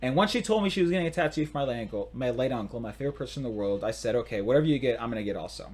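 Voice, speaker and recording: A man's voice: mid-range voice, animated, rapid-fire, darkish tone. A young man co-hosting a casual podcast, telling rambling stories and playfully bragging. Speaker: podcast co-host.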